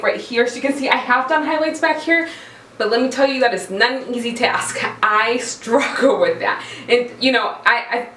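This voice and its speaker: A woman's voice: on the high side, fairly bright tone. A woman giving a casual, chatty, self-deprecating tutorial as a vlogger, informal and talking straight to the camera. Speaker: hair vlogger. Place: echoey cramped room indoors, standing. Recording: very echoey small room, far mic, faint noise.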